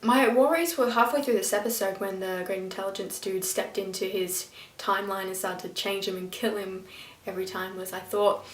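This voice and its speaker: An excitable young woman rambles through a casual fan review, full of fillers and side comments. Her voice sits a bit back from the mic, and the room around her rings with a noticeable echo. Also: medium pitch, normal speed, distant mic. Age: young, still in school. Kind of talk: casual chatty review vlog. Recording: roomy echo, voice a little off-mic.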